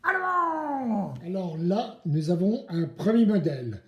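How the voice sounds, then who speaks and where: Children's DIY presenter: playful, theatrical, very lively intonation, soft-edged tone, addressing kids directly, recorded in an echoey room. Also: mid-range voice, unhurried, highs cut off. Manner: playful, theatrical, exclamatory, asks the children to answer. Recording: roomy, echoing indoor sound.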